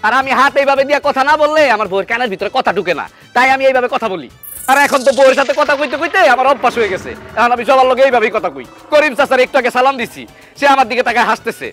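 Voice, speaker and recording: A loud, flustered young husband. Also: male voice, very high-pitched. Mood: worried. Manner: talks very loudly with big hand gestures. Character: young husband of a deaf wife, loud and frantic. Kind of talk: comic drama acting.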